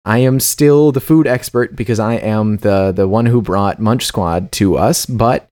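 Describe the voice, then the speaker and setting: A man's voice: on the low side, unhurried, darkish tone. A man co-hosting a casual comedy podcast, playful and mock-serious, reading food news and stumbling over tongue twisters. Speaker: podcast co-host.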